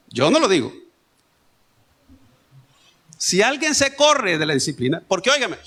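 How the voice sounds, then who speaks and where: A man's voice: very high voice, bright, forceful tone. A male pastor with a Salvadoran Spanish accent, preaching a sermon in a conversational way with homely stories and asides. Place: church.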